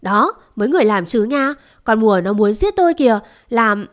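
A woman voicing a spiteful young servant girl who speaks in shrill, accusing tones. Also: lively intonation, brisk, lightly acted.

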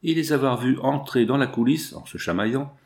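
Reading a classic novel for an audiobook, a man with a mid-range voice keeps his storytelling steady and measured.

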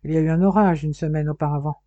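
A reserved, smitten young man, read by a woman in a novel, confiding in a quiet, reluctant way. His tone is very mellow. The recording sounds dry and dull. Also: sits low, fairly even intonation, quick pace, no room sound, natural voice.

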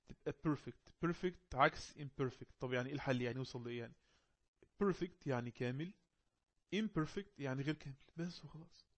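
A man with an Egyptian Arabic accent and a medium-pitched voice teaches an online English lesson. He reads the English text slowly, then explains it quickly in Arabic.

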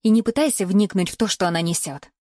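A prim middle-aged mother who scolds and dismisses her mother-in-law, with a nervous edge under the politeness. A woman narrator voices her close to her own voice. The recording is dry and close, and the pitch sits mid-range. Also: fast talker, darkish tone, no room sound, close to an everyday voice. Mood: dismissive. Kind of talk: audiobook character voice.

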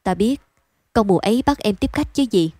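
A woman reading a story aloud, voicing a gentle young male writer who reassures a frightened girl. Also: medium pitch, lively intonation, moderate pace, no room sound, lightly acted. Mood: reassuring.

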